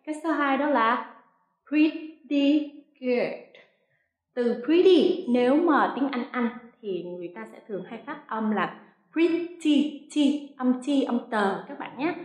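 A woman from Vietnam teaching an online English lesson, sounding out drills slowly and clearly and praising her learners. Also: fairly high pitch, expressive. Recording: echoey room.

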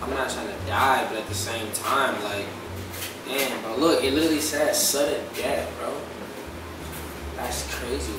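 A young man hosts a food challenge from a very echoey kitchen, sounding off mic with music behind him. His talk is casual street slang, loose and animated. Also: mid-range voice, unhurried, recorded from a distance. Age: 20s. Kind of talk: casual vlog chat. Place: home kitchen, indoors. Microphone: camera a few feet away.

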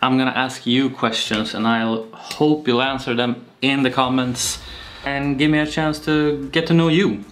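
A young man with a Swedish accent, talking slowly and casually to camera in a home vlog, with many pauses and fillers. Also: medium pitch, slight background noise. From Sweden. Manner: slow and relaxed, with frequent pauses and fillers. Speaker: YouTuber. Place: small home room with shelves, indoors. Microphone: camera-mounted shotgun mic.

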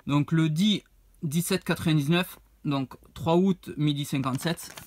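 A man's voice: a little high, unhurried. A man, casually showing off his retro game purchases, rambling and hesitant as he reads out prices. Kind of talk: casual unboxing vlog.

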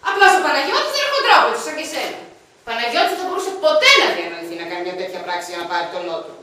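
An actress playing a nervous, sharp-tongued young woman in a stage comedy. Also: a little high, sing-song. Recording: echoey stage from far off.

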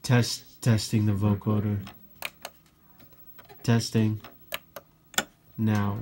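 A musician shows off a synthesizer with a robotic, vocoder-processed voice of unclear sex, repeating short mic-check phrases. The medium-pitched voice stays level and moves extremely slowly, with synthesizer tones laid over it. Background noise and a synthesizer keyboard play underneath.

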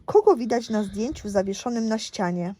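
Female reader for a children's picture book, patient and clear, quizzing a young listener. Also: on the high side, animated, mellow. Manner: slow, careful, asks the child questions.

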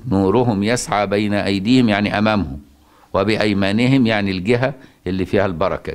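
Fast-talking Egyptian man teaching Quran. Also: lowish voice. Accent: Egyptian Arabic. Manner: conversational, asks rhetorical checks, chants verses slowly. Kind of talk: colloquial religious lesson.

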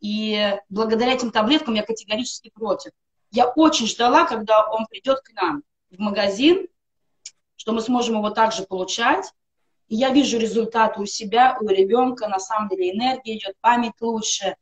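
The audio is poor as a middle-aged woman with a fairly high pitch talks briskly. Joining a live stream via video call from her home, she earnestly endorses a wellness product from personal experience, piling up emphatic lists.

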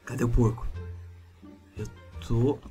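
A man with a Brazilian Portuguese accent narrating a Minecraft role-play in an excitable, exclamatory way. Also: medium pitch, slow pace, faint music behind. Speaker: gamer YouTuber.

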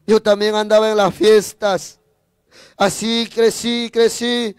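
Speaking slowly and with a flat delivery, this evangelist shares his testimony as a sermon in a high, smooth voice that barely leaves one level. His fervor shows in repeated phrases, praise interjections and frequent direct appeals to the audience. The sound is close and dry, free of echo.

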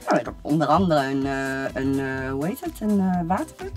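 A woman's voice: deep voice, very animated, brisk, over loud music. A woman guest on a gossip show, brash and outspoken, swearing and laughing in casual chat.

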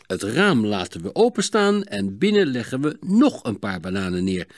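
A man's voice: medium pitch, moderate pace, dry recording, natural voice. A patient, clever doctor, as a man reading aloud puts him on, explains his plan in a raised, instructive voice that rises and falls a lot. The recording is close and dry, an audiobook read with no room sound. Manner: calm, instructive, raised and bright.

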